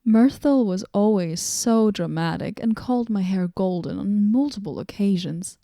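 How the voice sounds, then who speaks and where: A woman's voice: mid-range voice, moderate pace, no room sound, clean studio sound, close to an everyday voice. Woman doing a moody, sardonic goddess in whispered role-play. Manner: sarcastic, deadpan, shifting into soft whispers.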